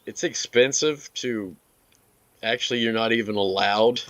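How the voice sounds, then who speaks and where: A man giving relaxed, rambling commentary over his gameplay, with filler words and some hiccups. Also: lowish voice, a little slow, no room sound. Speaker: gaming video creator.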